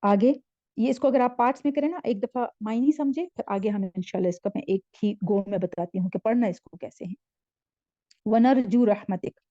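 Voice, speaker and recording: A woman gives a religious lesson in a fairly high, mellow voice. She recites each line slowly, then explains it patiently, like a teacher with her class. The sound is dry and a little dull, as if from an online class. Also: no room sound. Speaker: Quran teacher. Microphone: screen-shared online class.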